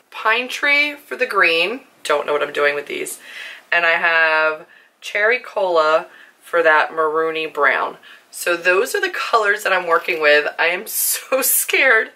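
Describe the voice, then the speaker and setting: Young female beauty vlogger, voice hoarse and rough, lowish pitch, bright tone, rambling casual delivery. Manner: chatty, filler-heavy, self-deprecating. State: hoarse from screaming. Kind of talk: casual makeup demonstration.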